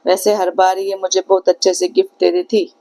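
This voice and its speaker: A woman voicing a tearful, gossiping female friend at a wake, self-pitying and hushed, while telling a story. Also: fairly low pitch, flat delivery, moderate pace, close to an everyday voice. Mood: whining.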